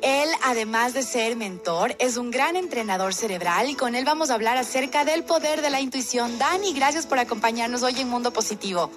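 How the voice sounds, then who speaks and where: A woman's voice: fairly high pitch, animated, brisk, hardly any pauses. A woman radio host introducing a guest in an upbeat presenter style. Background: music.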